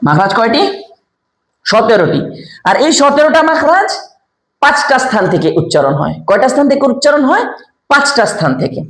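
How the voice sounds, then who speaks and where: A man teaching a step-by-step lesson, repeating key answers slowly, asking quiz questions aloud and demonstrating sounds himself. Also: extremely high pitch, big pitch swings, fairly bright tone, reverberant. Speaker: Quran recitation teacher.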